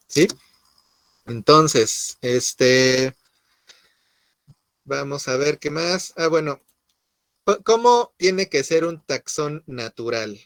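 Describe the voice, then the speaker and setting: A man's voice: medium pitch, no room sound. A middle-aged man giving a classroom lecture, explaining step by step and often checking in with his students. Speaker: university lecturer.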